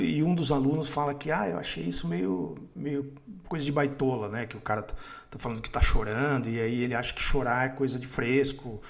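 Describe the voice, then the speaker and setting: A Brazilian man, a podcast host, chatting about a film in a relaxed, conversational way. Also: medium pitch. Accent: Brazilian Portuguese. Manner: relaxed, conversational, uses fillers. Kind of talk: casual film discussion.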